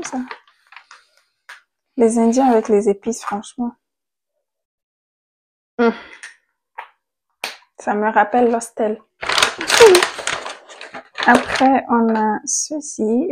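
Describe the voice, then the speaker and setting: A young woman vlogging casually into a handheld mic at home, chatty and quick to laugh, trailing off and restarting her thoughts. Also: a little high, fairly even intonation, noisy background. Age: young adult. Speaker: content creator. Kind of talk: casual vlog chat. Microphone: handheld microphone.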